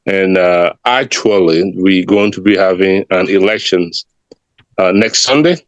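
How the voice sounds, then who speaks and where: A middle-aged man from West Africa, a community leader answering interview questions in a measured, explanatory way with some hesitations. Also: low voice, dry recording, low-quality recording.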